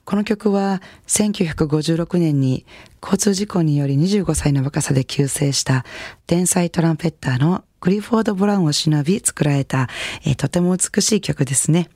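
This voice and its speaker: Woman, Kansai accent, jazz singer hosting radio, casual chatty stories, husky, dry studio mic. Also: deep voice, normal speed, warm tone, no echo. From Kansai region of Japan. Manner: chatty, self-mocking storytelling with frequent fillers. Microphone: studio microphone.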